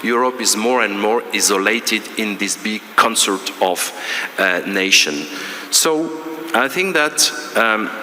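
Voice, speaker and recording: A man from Belgium, speaking on a conference panel as an international relations lecturer, halting and full of fillers. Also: on the low side, bright, forceful tone, a little hiss or hum. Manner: halting, many fillers, searching for words. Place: large conference hall. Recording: reverberant conference hall.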